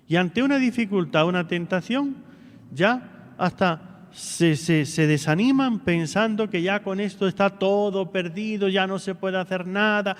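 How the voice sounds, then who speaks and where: A man preaching a homily in a slightly high voice, earnest and full of rhetorical questions. His words ring out with a long reverb, as in a church. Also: clear, resonant tone. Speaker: priest.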